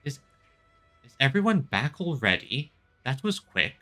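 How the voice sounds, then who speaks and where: A male game player reads on-screen text and comments casually. His voice is bright and a little high, at an unhurried pace, with faint music behind. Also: big pitch swings. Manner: stumbles over names.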